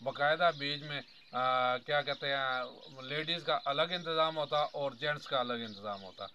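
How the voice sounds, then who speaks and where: A man's voice: mid-range voice, moderate pace, sharp tone, highs cut off, a little hiss or hum. A man in his fifties from Pakistan giving an earnest political commentary monologue, addressing his viewers directly. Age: 50s. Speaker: vlogger.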